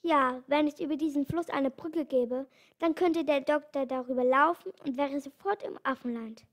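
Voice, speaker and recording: High-voiced woman reading a children's story. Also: moderate pace. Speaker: audiobook reader. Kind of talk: scripted storybook narration.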